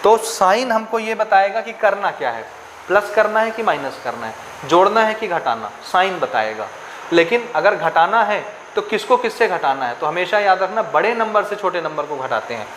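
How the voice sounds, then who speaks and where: An Indian man teaches a maths class step by step in a fairly high, slightly bright voice with big pitch swings and a moderate pace. He repeats the key rules and keeps questioning his students to check they understand. A faint hum runs in the background.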